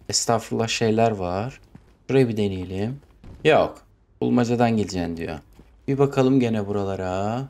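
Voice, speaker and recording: A man's voice: medium pitch, a little mellow. A young man with a Turkish accent, commenting as he plays a horror game, jumpy and swearing, talking to himself and the game. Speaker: gaming YouTuber.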